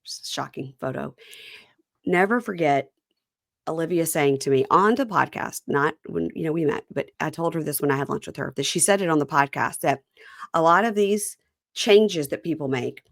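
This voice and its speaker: Speaking in a deep voice with vocal fry at normal speed, a Mississippi woman with a Southern drawl hosts a laid-back reality TV recap podcast. She's lively and talkative, hopping from one tangent to the next, and the studio recording has no room echo.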